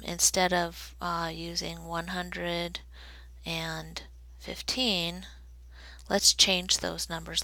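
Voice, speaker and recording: Slow, gravelly woman teaching statistics. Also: fairly low pitch, sharp tone, no echo, poor audio. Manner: slow, deliberate explaining while drawing on a graph. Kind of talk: recorded statistics lecture.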